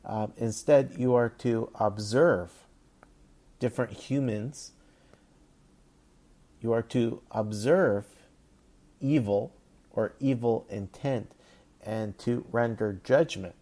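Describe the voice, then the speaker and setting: A man's voice: medium pitch, slow, pauses often, warm tone. A man voicing a stern heavenly voice that hands down judgment in a solemn, commanding way. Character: stern divine voice handing down judgment.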